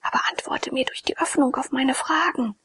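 A woman's voice: sits high, normal speed, bright, forceful tone, husky, no echo, whispered, pitched above the performer's own voice, heavily acted. A woman voicing a brave young slave girl who speaks earnestly through a door.

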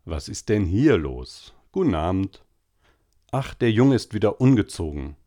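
Brief: man playing a low, curt, lecturing father losing patience, storybook reading. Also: very animated, a little slow, mellow. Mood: stern. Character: stern middle-aged father, impatient.

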